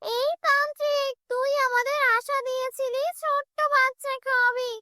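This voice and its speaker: A cartoon ghost woman, menacing and greedy, hisses her threats in a very high, shrill voice as a woman puts her on. The delivery is drawn out and threatening. The sound is dry and close to the mic. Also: level tone, moderate pace, sharp tone, no room sound. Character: menacing female shakchunni ghost demanding a child.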